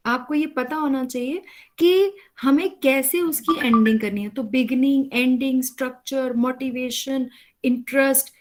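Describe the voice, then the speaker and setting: A woman's voice: high-pitched, a little slow. Woman teacher giving an online lecture. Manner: explains patiently, often checks with "है ना?". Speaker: college teacher.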